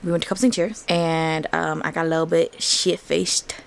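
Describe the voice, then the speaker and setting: A young adult woman vlogging in a casual, gushing style, full of slang and excited asides. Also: sits low, normal speed, creaky, slight background noise. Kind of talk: casual vlog chat.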